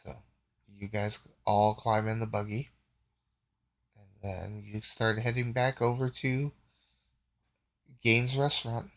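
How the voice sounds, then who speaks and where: A man narrating casually as game master, relaxed, with frequent fillers and easy laughter. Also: lowish voice, takes it slowly, pauses often.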